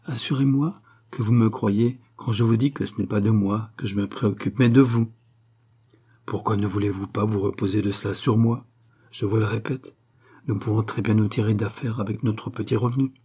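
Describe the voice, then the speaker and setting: A curt and evasive young fiancé, as a male reader plays him in an audiobook. He answers briefly and sulkily in a mellow, husky, darker voice close to the reader's own. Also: on the low side, fairly even intonation, moderate pace.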